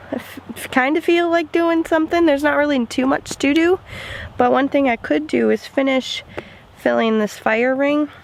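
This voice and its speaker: Vlogging outdoors beside a cabin in the woods, a young woman chats casually and rambles with many fillers. Her voice sits high and gravelly, and there's a little hiss or hum in the recording.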